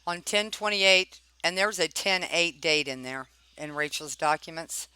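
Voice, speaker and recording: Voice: mid-range voice, unhurried, bright, forceful tone, clear, resonant tone, dry recording. A person giving informal commentary while reading documents aloud, pointed and questioning, often tagging remarks with check-in questions. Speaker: narrator reviewing property records.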